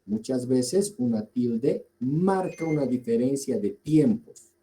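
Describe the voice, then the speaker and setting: Male lecturer, Bolivian Spanish accent, very unhurried delivery, dark warm tone; deliberate, repeats for emphasis. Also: medium pitch, expressive, a little hiss or hum, poor audio. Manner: deliberate, repeats key words, asks the class questions. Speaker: teacher. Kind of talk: slow classroom lecture.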